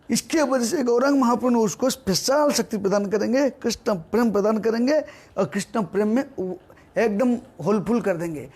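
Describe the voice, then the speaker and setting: A man giving a devotional sermon, breaking into slow chanted verses between his explanations. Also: high voice, darkish tone. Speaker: preacher.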